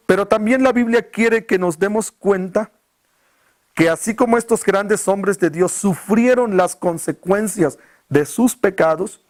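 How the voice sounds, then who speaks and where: This is a man preaching to his congregation, throwing out one rhetorical question after another. Key words get stressed as his voice sinks low and soft.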